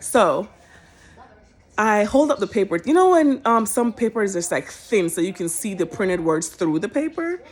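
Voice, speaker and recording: A young woman telling a personal story to her viewers in a casual, animated, emotional way. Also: medium pitch, moderate pace. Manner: animated, emotional, colloquial, bursts into laughter.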